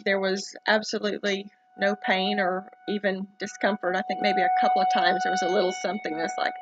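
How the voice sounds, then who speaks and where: A woman giving a casual first-person update to camera in a hesitant, halting way with many pauses. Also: medium pitch, little pitch movement, dull audio, very noisy. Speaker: vlogger documenting recovery from eyelid surgery.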